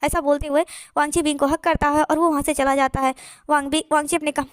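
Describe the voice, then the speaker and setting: A woman narrating a fan fiction story in a hurried, repetitive retelling style. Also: high-pitched, little pitch movement, no room sound, studio quality.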